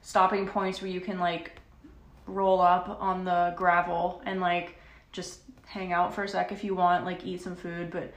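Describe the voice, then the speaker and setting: A woman from Florida co-hosting a podcast in casual chat, talking loosely with many "like"s and quick giggles, her voice echoing around a room at home. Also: lowish voice, monotone. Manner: chatty, giggly, lots of "like". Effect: echoey room sound. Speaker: podcast co-host. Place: dark house, kitchen or dining room.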